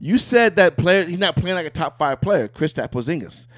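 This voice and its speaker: A man's voice: on the high side, animated, normal speed, fairly bright tone, no echo, studio quality. A man co-hosting a casual sports debate, insistently repeating his points in a conversational way. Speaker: podcast co-host.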